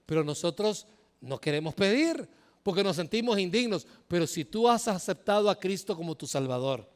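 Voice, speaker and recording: A man preaching a sermon, his voice riding high and bursting into loud, emphatic rises. The sound carries a long reverb that hangs in the air of a church hall. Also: very animated, moderate pace. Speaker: pastor.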